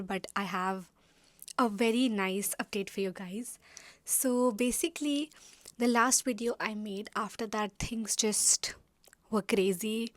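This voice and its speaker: A woman's voice: mid-range voice, dry recording. Chatty young woman vlogger from India. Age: young adult. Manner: chatty, lots of fillers. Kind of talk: casual chat to camera. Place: her room.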